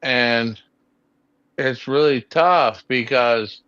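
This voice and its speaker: Slow-talking forty-year-old man. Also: medium pitch, fairly bright tone, clear, resonant tone, dry recording, muffled recording. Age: 40s. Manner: repetitive, emphatic, swears freely. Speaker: livestream host. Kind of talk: casual group chat.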